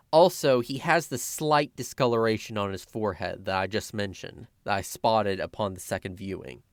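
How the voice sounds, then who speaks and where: A man's voice: fairly low pitch, no room sound, clean studio sound. A man narrating a scripted video essay as a film critic, opinionated and sarcastic in his commentary.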